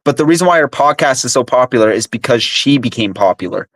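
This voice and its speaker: Young male streamer, mid-pitch, rambling and profane, dry close mic. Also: animated, fast talker, fairly bright tone, no echo. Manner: rambling, filler-heavy, profane. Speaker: stream co-host. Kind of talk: casual chat.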